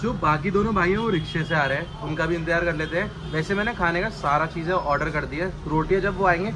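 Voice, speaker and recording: A man's voice: on the high side, fast talker, noisy background. Chatty young man vlogging, raised voice. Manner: chatty, joking, addresses viewers directly. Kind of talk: casual travel vlog.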